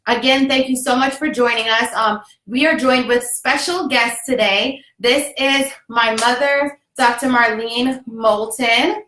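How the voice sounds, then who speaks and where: A woman's voice: fairly high pitch, steady tone, measured pace, hardly any pauses, fairly bright tone, a little hiss or hum. A young woman from Jamaica hosting a casual livestream, upbeat and chatty, laughing often. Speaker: host. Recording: echoey room.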